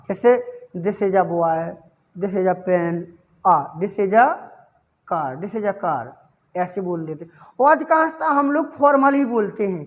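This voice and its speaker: A very high-pitched man gives a classroom lecture on English grammar. Over and over he questions the class and answers himself, lovingly calling his students "child."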